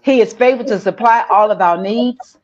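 A woman preaching a sermon in slow declarative lines, calling the congregation to respond. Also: mid-range voice, darkish tone, muffled recording, faint music behind.

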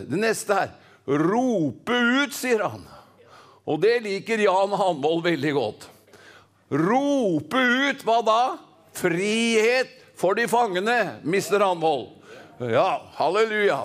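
A man from Norway preaching a fervent Pentecostal sermon, rhythmic and calling for responses from the congregation. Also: high voice.

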